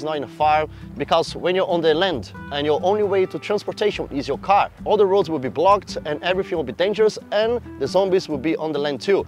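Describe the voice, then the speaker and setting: A man's voice: on the high side, darkish tone. A young man whose first language is Portuguese, hosting a vlog and explaining life on a sailboat in eager, non-native English. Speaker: vlog host. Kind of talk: casual touring narration. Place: on a sailboat, cabin and deck.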